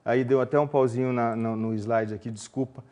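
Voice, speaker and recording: A man's voice: medium pitch, steady tone, brisk, dark tone. A man with a Brazilian Portuguese accent presenting a live online marketing class, chatty and joking with his audience, with many fillers. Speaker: webinar presenter.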